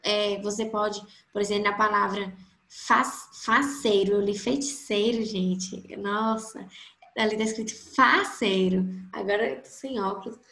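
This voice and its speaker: A woman teaching a grammar lesson, slowly stretching out each example word to show its stressed syllable. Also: mid-range voice, steady tone, bright, forceful tone, reverberant. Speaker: Portuguese teacher.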